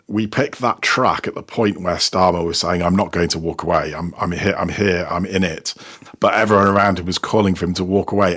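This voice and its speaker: His voice is fairly low, with a fairly bright tone and a slightly rough texture. As a guest in a casual interview, the sound designer and technical producer explains his audio production work hesitantly, often repeating words as he looks for phrasing.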